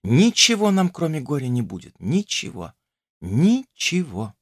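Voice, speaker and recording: Brief: tender young forest girl, read by a man, soft, quietly insistent, raised airy voice. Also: on the high side, huge pitch swings, unhurried, no echo, clean studio sound, full character voice. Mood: tender, fearful. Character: young forest woman, gentle, fatalistic.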